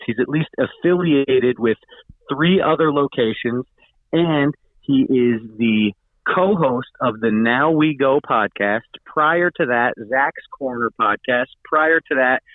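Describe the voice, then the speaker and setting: A man's voice: medium pitch, dry recording. A man calls in to co-host a podcast, his voice squeezed through a narrow, tinny phone line. He banters and bickers in mock offense. The sound is dry, with no room around it. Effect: speaking over a phone line.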